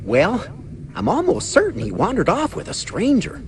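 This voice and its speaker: A man's voice: high-pitched, huge pitch swings, normal speed, a little hiss or hum. An actor voicing a small, earnest male cricket in a video game, with a folksy way of talking.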